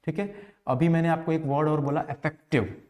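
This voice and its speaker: Guy teaching english, kinda higher voice, slow and repeats stuff, asks then answers himself. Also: steady tone, a little mellow. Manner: slow explanatory, repeats words for emphasis; asks and answers his own questions. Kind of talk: classroom lesson.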